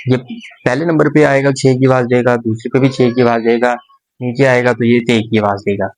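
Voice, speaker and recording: A man teaching a language lesson, explaining slowly and patiently with pauses and repetitions. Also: mid-range voice, flat delivery, poor audio.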